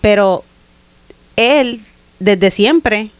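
A woman's voice: mid-range voice, very slow, clear, resonant tone, no echo. A woman, chatting casually as a podcast co-host and telling family stories with emphatic repeats. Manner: warm storytelling, emphatic repeats. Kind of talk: casual chat.

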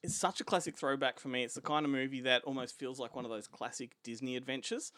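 A man's voice: mid-range voice, steady tone, quick pace, sharp tone, dry recording, studio quality. An Australian man co-hosting a podcast, telling a film's story in casual chat and laughing often. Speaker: podcast co-host.

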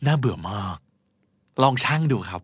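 Lively man teaching vocabulary in a dry studio. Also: mid-range voice, moderate pace, slightly rough, no echo. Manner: explains words patiently, spells them letter by letter. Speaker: podcast host teaching English vocabulary. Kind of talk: podcast vocabulary lesson.

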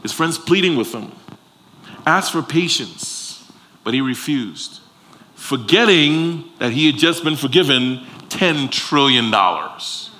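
A man from Liberia in West Africa preaches a sermon live before a congregation, emphatic, repeating phrases and asking rhetorical questions. His medium-pitched voice is expressive, slow, pushed, and bright. Background noise and live room ambience are clearly audible.

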